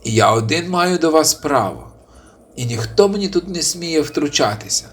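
An arrogant storybook bear lord, greedy and boastful, shouting orders as though he owns the whole forest, as a man puts him on. His voice is loud and domineering. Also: a little high, expressive, moderate pace, pitched above the performer's own voice.

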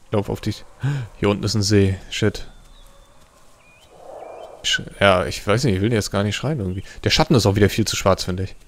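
A man's voice: lowish voice, brisk, slight background noise. Easygoing German gamer man. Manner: easygoing, commenting on graphics, flustered when chased. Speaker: let's play co-host. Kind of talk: casual gaming chat.

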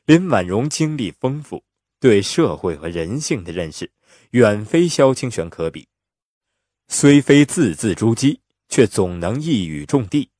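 A man narrating an audiobook in an expressive, lively storytelling manner on a close mic. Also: mid-range voice, a little slow, no room sound.

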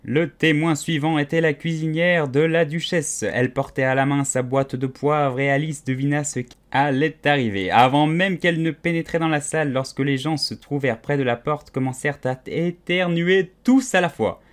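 A man narrating a storybook audiobook in a soft, measured reading voice. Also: medium pitch.

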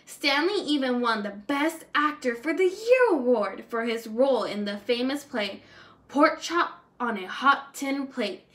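Indoors in a small room at home, a young adult woman with a high voice reads a children's storybook as if she were a teacher reading to first graders. Her delivery is expressive and a little slow, with occasional stumbles over words.

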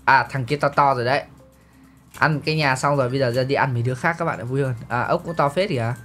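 A man's voice: medium pitch, quick pace, fairly bright tone, soft background music. A young man, boasting, teasing and laughing through playful gameplay commentary. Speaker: gaming streamer.

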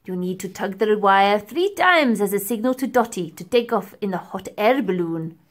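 A woman's voice: medium pitch, animated, moderate pace, close to an everyday voice. A woman voicing a stern, impatient male professor who barks orders and belittles a child. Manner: sharp, commanding, belittling.

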